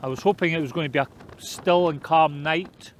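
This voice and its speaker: A man in his forties talks to his camera from beside a small tent and from inside it. His manner is relaxed and matter-of-fact, an easygoing chat from someone used to camping out. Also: fairly high pitch, fairly quick, slight background noise. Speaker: outdoor vlogger. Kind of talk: casual camping vlog. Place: outdoors by a tent on moorland and inside a tent at night.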